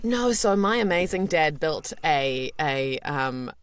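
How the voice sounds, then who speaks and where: A woman's voice: low-pitched, lively intonation, slow pace, smooth, dry recording. A woman in her thirties with a New Zealand accent, chatting casually and self-deprecatingly as a podcast guest. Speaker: guest voice actor.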